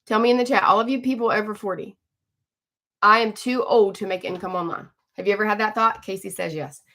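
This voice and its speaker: Streaming live from her home, a woman in her forties talks briskly with her audience, welcoming viewers by name and frequently clearing her throat. She has a mid-range, fairly bright voice with fairly even intonation.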